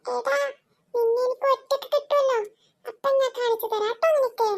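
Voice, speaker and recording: A woman's voice: extremely high pitch, fairly even intonation, brisk, vocal fry, no room sound. A woman voicing a mischievous little cartoon girl who teases and chants nursery rhymes in a sing-song way. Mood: scheming. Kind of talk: cartoon voice acting.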